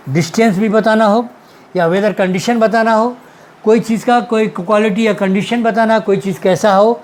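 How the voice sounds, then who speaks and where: A man teaching English grammar in Hindi, patiently repeating example sentences slowly and clearly. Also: high voice, a little mellow, a little hiss or hum. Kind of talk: grammar lesson explained in Hindi.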